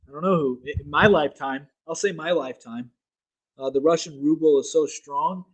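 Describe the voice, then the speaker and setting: A man's voice: on the high side, normal speed, poor audio. A young man hosting a casual solo political talk show, rambling, repeating himself and using many fillers. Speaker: show host.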